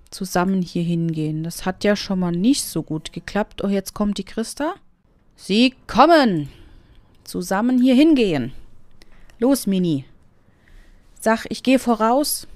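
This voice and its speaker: A woman giving casual gameplay commentary, excitable and often squealing and gasping. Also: mid-range voice, no echo. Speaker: let's play gamer.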